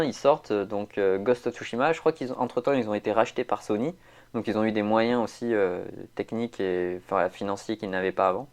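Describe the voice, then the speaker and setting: A man's voice: lowish voice, darkish tone. A man chatting casually on a podcast, rambling with many fillers and restarts. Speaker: podcast host.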